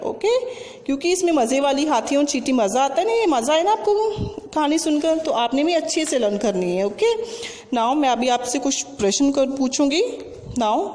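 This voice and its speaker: A woman's voice: high-pitched, darkish tone, in a large hall. A woman teacher telling a story to young pupils, coaxing them along and repeating and questioning. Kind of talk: storytelling lesson for children.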